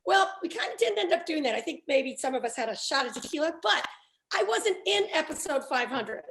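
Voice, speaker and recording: A woman voice actor chatting on a reunion panel, telling playful stories about her work. Her voice sits high. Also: sing-song, brisk, a bit bright, slight background noise. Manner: playful, storytelling. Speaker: voice actor guest. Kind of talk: casual anecdote on a panel.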